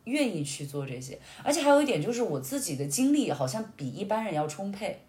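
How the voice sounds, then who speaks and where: Very animated and speaking at a quick pace, this woman has a medium-pitched, slightly mellow voice. She's a podcast guest in a reflective, conversational interview, expanding on her ideas through anecdotes, and the sound is roomy with noticeable echo.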